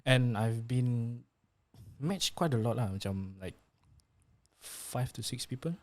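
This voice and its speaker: A young man with a Malaysian accent chatting casually, repeating words haltingly as he mixes slangy Malay and Singlish-like English. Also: medium pitch, darkish tone. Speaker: podcast panelist. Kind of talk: casual chat.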